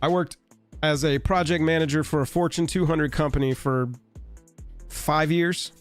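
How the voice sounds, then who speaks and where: A man with a raspy, hoarse voice from being sick, hosting a casual live stream in a rambling, wry, offhand way. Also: a little high, steady tone, normal speed, soft background music.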